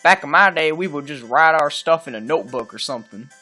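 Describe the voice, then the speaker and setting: A man's voice: on the high side, lively intonation, brisk, bright, forceful tone, soft background music, pitched above the performer's own voice. A man doing a nagging old grandma. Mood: grumbling. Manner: scolding, old-fashioned.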